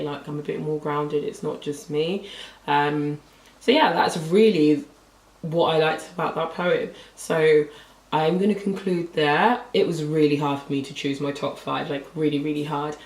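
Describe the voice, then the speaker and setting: Hoarse-ish girl in her 20s rambling about poetry, lots of like, kinda far from the mic in an echoey room. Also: low-pitched, darkish tone. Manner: chatty, rambling, lots of "like" fillers. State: slightly hoarse, losing her voice. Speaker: book vlogger. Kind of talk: casual book review chat. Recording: roomy echo, voice a bit off-mic.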